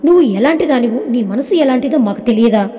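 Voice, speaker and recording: A woman's voice: on the high side, lively intonation, fast talker, warm tone, close to an everyday voice. A woman reading the lines of a caring mother-in-law who fondly scolds her daughter-in-law and son in a storybook tale. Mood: tender. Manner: fond, coaxing scolding. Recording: long reverb.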